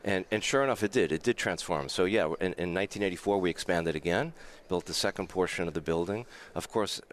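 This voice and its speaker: This hotel general manager, a Bronx native with a New York accent, sits low in pitch and talks briskly as a guest on the radio. He relates history while often stammering and starting over.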